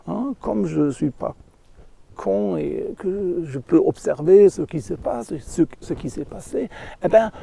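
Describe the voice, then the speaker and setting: With a foreign German accent, a middle-aged man talks on in a rambling, halting way, pausing to find the right word and using tag questions. His voice is warm and somewhat high for a man, yet gravelly and full of fry, recorded close-up and dry.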